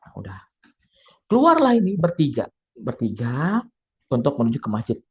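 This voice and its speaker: A man giving a dramatic, animated story at a business meeting over a video call, swinging between loud exclamations and quiet asides. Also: mid-range voice, moderate pace, dull audio.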